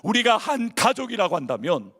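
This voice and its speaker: A man's voice: high-pitched, very animated, moderate pace, fairly bright tone. A male pastor preaching a sermon in a church, asking the congregation questions and acting out people's inner worries. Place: church sanctuary.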